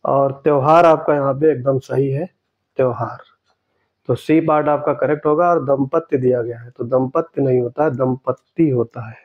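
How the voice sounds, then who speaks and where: A man tutoring for an exam, going through test answers in a steady way and repeating each key word for emphasis. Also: medium pitch, moderate pace, narrow, tinny audio.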